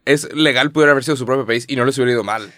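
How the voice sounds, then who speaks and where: Young man, Mexican accent, chatty podcast co-host, mid-pitched voice, dry close sound. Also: racing, sharp tone, no echo. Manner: slangy, storytelling, laughs often. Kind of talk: casual podcast chat.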